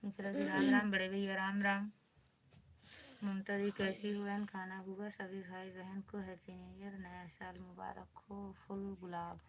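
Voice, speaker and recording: A woman's voice: medium pitch, level tone, measured pace. A woman with an Awadhi accent hosting a casual phone live stream, greeting viewers by name and answering their comments. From northern India.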